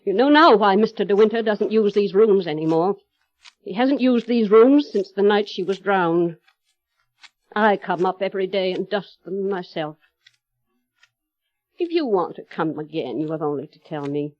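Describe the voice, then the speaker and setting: A woman's voice: medium pitch, animated, no room sound, lightly acted. Mrs. Danvers, sinister housekeeper acted by a woman, muffled old radio. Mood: coldly insinuating. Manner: slow, insinuating, deliberate. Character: obsessive, menacing housekeeper devoted to her dead mistress. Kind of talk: 1930s radio drama acting.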